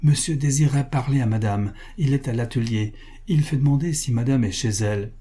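A man's voice: medium pitch, brisk, mellow, husky, close to an everyday voice. A man doing a polite dutiful maid.

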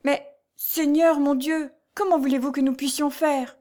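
A woman's voice: sits high, steady tone, measured pace, warm tone, voice pushed up. A woman voicing a pale, trembling young peasant girl in a storybook reading, pleading through tears. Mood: tearful pleading. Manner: tearful, stammering, imploring.

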